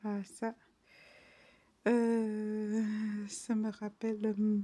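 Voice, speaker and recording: A woman softly reading dictionary entries aloud, often slipping into an unvoiced whisper, word by word and unhurried. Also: medium pitch, completely flat delivery.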